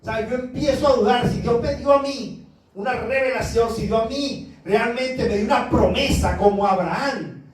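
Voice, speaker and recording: A man with a very high voice preaches in an earnest, conversational way, often asking his listeners questions. He sounds far from the mic, with a lot of echo in the church room around him. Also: moderate pace. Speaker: pastor. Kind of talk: sermon.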